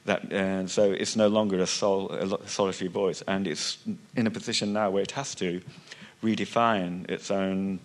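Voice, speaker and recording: Hesitant deep-voiced man on a panel. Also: flat delivery, normal speed. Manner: hesitant, many restarts and fillers, loses thread. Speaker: panelist, music magazine writer. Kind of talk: unscripted panel discussion. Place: conference hall panel.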